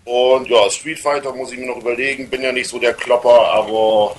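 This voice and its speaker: A man's voice: medium pitch, steady tone, fairly quick, a little hiss or hum. A man calling in live to a radio show over a computer with no headset, chatting casually and joking, often trailing off with fillers. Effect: voice coming in over a call through a computer without headset. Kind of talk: casual chat.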